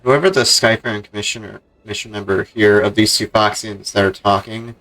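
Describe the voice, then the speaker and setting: A man's voice: on the low side, steady tone, fairly quick, fairly bright tone, faint music behind, poor audio. A man streaming a game, mixing casual commentary with reading the on-screen text aloud.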